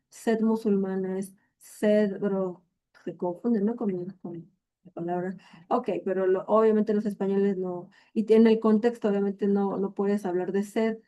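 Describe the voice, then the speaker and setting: A woman from Latin America walks through Arabic words one at a time as a patient teacher. Her voice is dark and mellow, and she speaks slowly. She thinks aloud with fillers and often checks in with her listeners. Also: mid-range voice. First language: Spanish. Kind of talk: explaining Arabic vocabulary in a lesson.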